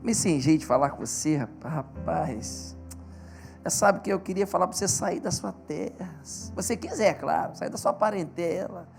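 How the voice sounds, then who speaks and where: A man voicing God as a friend, casual, hesitant, overly polite, high voice. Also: moderate pace, gravelly, a little mellow, soft background music. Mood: chummy.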